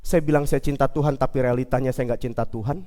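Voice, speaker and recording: A man's voice: medium pitch, quick pace, in a large hall. A male pastor preaching a Sunday sermon in church, telling stories and acting out the people in them, then exhorting the congregation. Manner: animated storyteller, acting out the people he quotes; fervent exhorting over worship music at the close. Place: church service.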